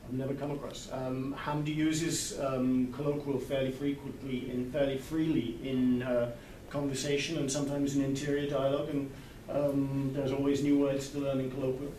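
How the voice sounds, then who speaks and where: A man in his sixties, a literary translator, speaks thoughtfully and hesitantly, searching for words in an informal book club discussion. His voice is medium-pitched and warm, with a level tone, moderate pace and hardly any pauses. A camera a few metres away catches him in a large indoor hall where a small group sits in a circle, so the audio is echoey, distant and carries background noise.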